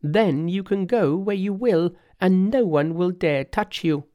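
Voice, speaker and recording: Guy doing a cocky brave monkey character for a storybook, voice way up high, bossy but reassuring. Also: warm tone. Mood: confident, reassuring. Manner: brisk, commanding, reassuring. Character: bold, confident magical monkey hero.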